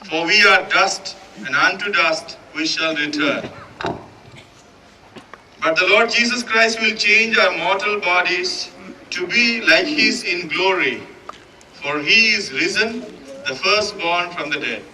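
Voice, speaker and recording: A man's voice: sits high, slow pace, bright, forceful tone. A man leading a solemn graveside prayer as a priest, reading the burial liturgy. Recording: distant mic, faint background noise.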